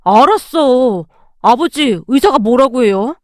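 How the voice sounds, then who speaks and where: A woman's voice: high voice, animated, measured pace, dry recording, studio quality. A woman voicing a grown son who taunts his mother. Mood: taunting.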